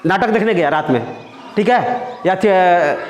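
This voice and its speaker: A man's voice: high-pitched, expressive, unhurried, slight background noise. A male teacher giving a classroom science lesson, talking conversationally with students, repeating himself and checking in with questions. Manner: conversational, repeats phrases and asks "है ना?" often. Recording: echoey classroom.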